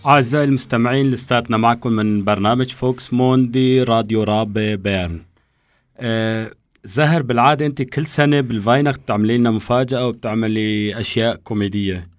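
A man hosting a radio show, asking his guest questions in a brisk, friendly way. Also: mid-range voice, steady tone, no echo, clean studio sound, soft background music. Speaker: radio host. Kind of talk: radio interview.

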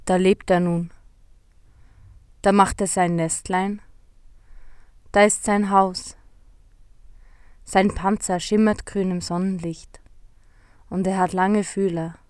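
A woman narrating a scripted story in a gentle, soft, reflective way. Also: medium pitch, flat delivery, slow, pauses often, clean tone, dry recording, studio quality.

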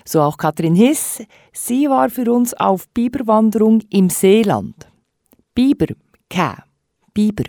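A woman narrating a radio feature in a measured, wry tone. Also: fairly high pitch, expressive, warm tone, no echo, clean studio sound.

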